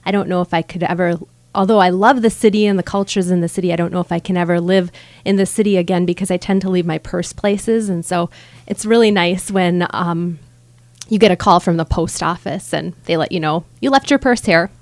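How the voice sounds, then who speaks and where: This guest author, a woman in her thirties who hails from Michigan's Upper Peninsula, has a fairly low voice and a brisk delivery. Her radio interview is recorded on a studio mic with no echo, and she sounds earnest with flashes of light humor.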